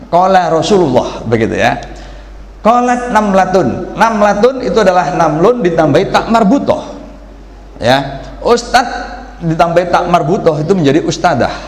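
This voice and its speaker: Lively man lecturing in an echoey hall. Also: a little high. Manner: lively, explaining Arabic grammar with shouted examples and asides to the audience. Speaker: religious teacher. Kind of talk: Ramadan religious lecture to an audience. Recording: echoey hall with long reverb.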